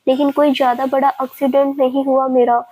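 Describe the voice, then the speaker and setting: A woman's voice: high-pitched, level tone, brisk, warm tone. Woman reading as a sweet pleading young daughter.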